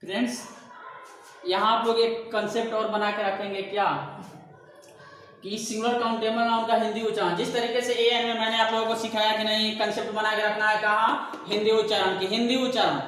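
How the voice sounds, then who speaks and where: Speaking briskly and flatly in a high, slightly bright voice, a Hindi-accented man runs a classroom English grammar lesson, asking questions and supplying the answers. The distant mic catches room echo and faint hiss.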